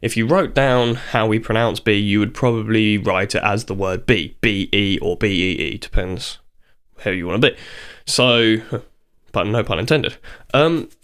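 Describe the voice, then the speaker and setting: A man's voice: on the low side, normal speed, fairly bright tone, clean tone. A man giving a casual video tutorial on beatboxing. He talks in a chatty, informal way and stops to demonstrate the sounds. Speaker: beatbox teacher.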